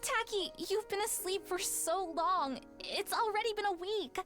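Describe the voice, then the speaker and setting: An actress voicing a tender, devoted girl, gentle and earnest, in a video game. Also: very high voice, unhurried, soft background music. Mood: relieved, tender. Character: tender, devoted girl, caring childhood friend.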